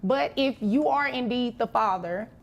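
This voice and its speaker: A woman's voice: on the high side, a little slow, creaky, highs cut off, a little hiss or hum. A woman presiding as a courtroom judge, speaking conversationally in a firm, plain-spoken way.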